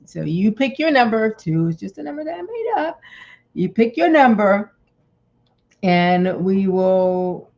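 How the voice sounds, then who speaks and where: A woman's voice: on the low side, darkish tone, muffled recording. A woman hosting a casual live health talk, chatty and rambling, often restarting her sentences and laughing easily. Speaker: health channel host.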